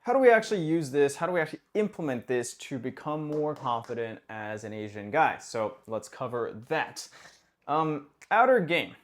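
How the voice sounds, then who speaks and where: Guy dating coach just chatting to camera, keeps saying okay and right, mid pitched voice. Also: expressive, moderate pace. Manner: conversational, full of "okay?" and "right?" tags; acts out little quoted exchanges. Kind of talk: casual advice monologue.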